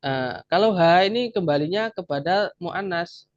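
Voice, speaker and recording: A man leads a grammar lesson over a video call, his voice sitting a little high. He explains patiently and repeats each word to drill it in. The sound is dry and a bit dull, like a laptop mic. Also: animated, a little slow, no echo. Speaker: Arabic grammar teacher. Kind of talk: online class lesson.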